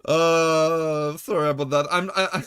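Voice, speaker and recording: A man's voice: on the high side, fairly even intonation, slow pace, fairly bright tone, smooth, no room sound. A man streaming as a VTuber, chatting casually, rambling, correcting himself and laughing often as he answers chat.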